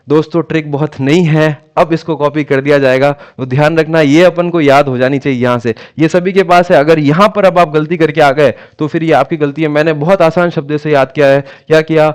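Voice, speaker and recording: A man's voice: on the high side, smooth. Indian male tutor drilling memory tricks. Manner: asks rhetorical questions and answers them himself; calls students "bhaiya" and "sir". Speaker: teacher. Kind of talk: exam-prep lecture with memory tricks.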